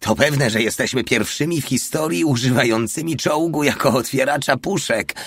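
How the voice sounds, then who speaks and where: A man voicing a loud, brash German soldier who drives a tank, his delivery raised and boisterous. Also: mid-range voice, normal speed, no echo, clean studio sound, voice pushed up. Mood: brash shouting.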